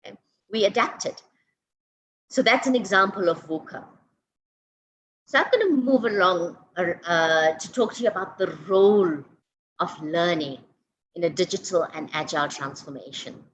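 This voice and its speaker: A woman with a South African accent giving a webinar lecture over a video call. She talks fast, restarts and repeats words, and often checks in with "okay?". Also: on the low side, low-quality recording. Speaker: webinar speaker.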